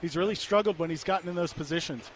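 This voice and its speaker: American guy with a high voice breaking down soccer plays live, chatty and explanatory, bit of stadium noise. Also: fast talker. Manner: conversational, explanatory. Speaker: colour commentator. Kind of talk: live soccer match analysis.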